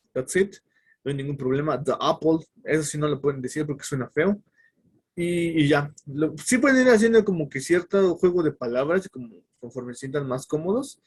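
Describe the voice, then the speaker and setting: A man's voice: on the high side, slightly rough. A man teaching a casual English lesson online. He explains step by step and often stops to correct himself, with fillers along the way.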